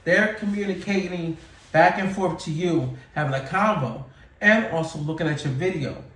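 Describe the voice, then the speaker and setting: In a relaxed talking-head clip, a YouTuber in his 40s gives straightforward advice, repetitive and filler-laden like everyday conversation. His slightly bright voice leans high at a moderate pace, heard through a distant mic in a roomy setting.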